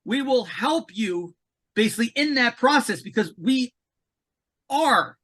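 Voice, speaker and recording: A man talking as a guest on a podcast conversation, emphatic and animated, often repeating words as he goes. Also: extremely high pitch, unhurried. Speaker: commissioning consultant, podcast guest.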